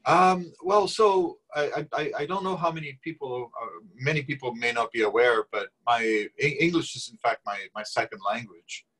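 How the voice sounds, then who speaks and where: A Brazilian-born man in his forties, a native Portuguese speaker, appears as a guest in a video call interview from a small room at home, speaking thoughtfully and often restarting or repeating words. His mid-range voice is fairly bright with a breathy edge, moving at a moderate pace with few pauses. The webcam recording is low quality.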